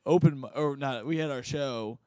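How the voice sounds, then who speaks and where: A man's voice: mid-range voice, normal speed, dark tone, dry recording, clean studio sound. A young man co-hosting a casual comedy podcast, laughing often and swearing freely. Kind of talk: casual chat.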